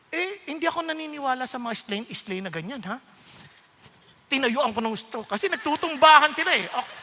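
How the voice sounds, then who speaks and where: A man's voice: very high voice, fairly quick, gravelly. A Filipino man, a pastor, preaching a sermon and telling his own story, acting out the voices he quotes. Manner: animated storytelling, acts out quoted voices, mixes English and Tagalog. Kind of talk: sermon with personal testimony. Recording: long reverb of a large hall.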